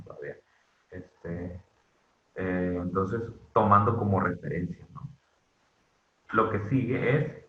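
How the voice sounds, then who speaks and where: A man from northwestern Mexico giving an online university class, halting with fillers and restarts and often checking in with his students. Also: fairly low pitch. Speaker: university lecturer. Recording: dull echoey lo-fi room sound.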